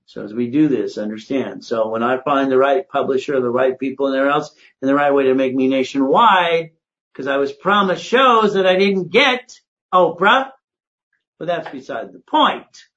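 An older man, a credit consultant, giving an emphatic, preachy motivational monologue that swings between loud and hushed. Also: medium pitch, animated, normal speed, highs cut off.

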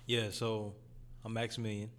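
Low raspy-voiced young man. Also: monotone, normal speed, fairly bright tone, slight background noise. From Detroit. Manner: laid-back, loose phrasing with fillers. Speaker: guest rapper. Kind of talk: casual interview chat.

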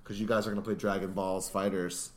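Low-voiced tired excitable podcast guy. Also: quick pace. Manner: excitable, slangy, rambling. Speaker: podcast co-host. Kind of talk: casual gaming podcast chat.

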